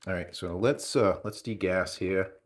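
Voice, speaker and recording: Over heavy background noise, a low-voiced New England host tests gear on his channel, unhurried and unscripted. Between a steady string of readings, he wanders off into friendly, chatty tangents.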